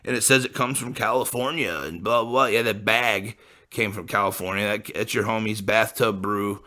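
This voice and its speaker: This podcast host, a Midwestern American man in his late 20s, has a lowish, sharp-toned voice at normal speed. Laid-back and profane, he rambles casually, packing his talk with likes, you-knows, and other fillers.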